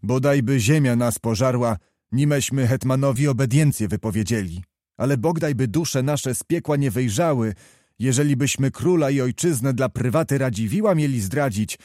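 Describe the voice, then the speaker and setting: A man's voice: medium pitch, moderate pace, warm tone, no echo, studio quality, lightly acted. Stern patriotic officer, declaiming, by a male narrator. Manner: impassioned, declamatory speech.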